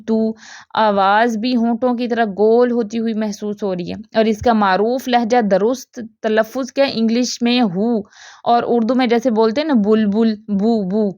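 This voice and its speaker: Woman tajweed teacher, patient question-and-answer delivery, slightly high voice, dry muffled recording. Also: darkish tone, no room sound. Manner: patient, explains with questions and repeated examples. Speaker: Quran recitation teacher. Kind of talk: tajweed lesson.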